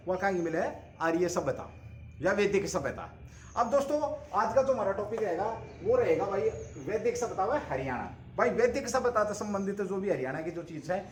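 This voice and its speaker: A man with a Haryanvi accent teaching a coaching class, repeating key terms and asking and answering his own questions. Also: high voice. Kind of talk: classroom lecture. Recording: echoey classroom.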